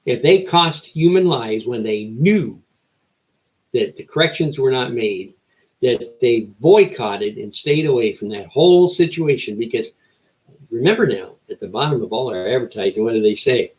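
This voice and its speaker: An older man with a mid-pitched voice hosts a rambling opinion monologue. He rants in a folksy old-timer way, posing rhetorical questions and answering them in short, emphatic phrases. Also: lively intonation, moderate pace, darkish tone, rough recording. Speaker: show host.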